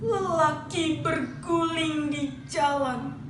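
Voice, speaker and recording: A woman reciting a poem slowly and dramatically, drawing out each phrase. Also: high-pitched. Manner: slow, dramatic, drawn-out. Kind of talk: poetry recitation. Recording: roomy, distant mic with faint ambient noise.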